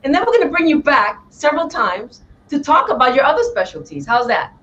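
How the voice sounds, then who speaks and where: A woman's voice: sits high, sing-song, fairly quick, highs cut off, noisy background. A woman hosting a talk show interview, effusive and full of praise, often addressing her audience as friends. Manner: effusive, repeats "my friends" and "wow".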